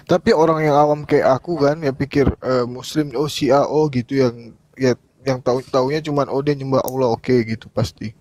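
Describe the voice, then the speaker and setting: A man's voice: medium pitch, fairly even intonation, normal speed, a little mellow, no room sound. A man co-hosting a casual chat, asking plain-spoken questions.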